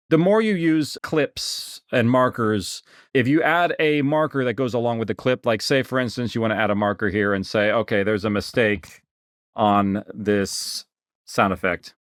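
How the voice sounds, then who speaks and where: On a close mic, a man with a mid-range voice teaches a casual software tutorial, explaining things in a conversational way. The recording is dry.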